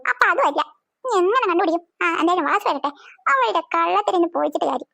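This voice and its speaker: A woman's voice: very high voice, lively intonation, quick pace, gravelly, bright, forceful tone, no echo, heavily acted. A woman voicing a nosy, scheming little-sister girl who talks in an eager, snooping way in a cartoon. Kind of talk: cartoon voice acting.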